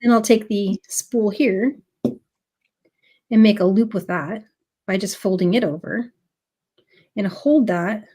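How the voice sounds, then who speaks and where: A woman with a cold runs a casual live beading tutorial, chatting away and saying "um" a lot as she greets viewers. Her voice is mid-range, warm, and slightly rough.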